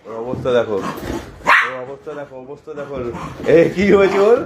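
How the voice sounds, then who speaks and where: A man's voice: mid-range voice, lively intonation, fairly quick, very noisy. A man talking to his pet dog, coaxing it and asking it the same questions over and over. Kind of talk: casual talk to a pet.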